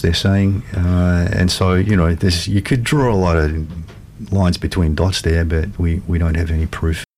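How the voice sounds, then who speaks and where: A man talks through current affairs in a measured, conversational way. His voice is deep and fairly monotone, with a faint rumbling noise behind it. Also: creaky. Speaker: radio show co-host.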